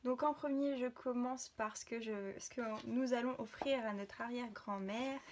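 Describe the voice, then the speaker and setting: A woman's voice: on the high side, normal speed, darkish tone, slight background noise. Young woman, casual vlog, gift ideas, chatty, informal, hesitant, restarts her sentences. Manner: hesitant, many filler sounds and restarts. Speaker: vlogger.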